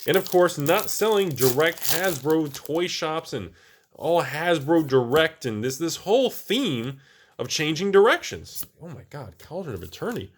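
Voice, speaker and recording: A man's voice: fairly high pitch, a little slow. A man hosting his channel, giving rambling casual commentary while he opens card packs, exclaiming often. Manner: animated and exclaiming, rambling with restarts. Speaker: channel host.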